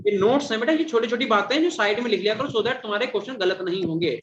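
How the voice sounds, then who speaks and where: Man teacher, fairly high voice, dull lo-fi classroom recording, repeats and quizzes students. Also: very fast, background noise. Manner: repeats and quizzes students, calls them "beta". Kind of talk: classroom chemistry lecture.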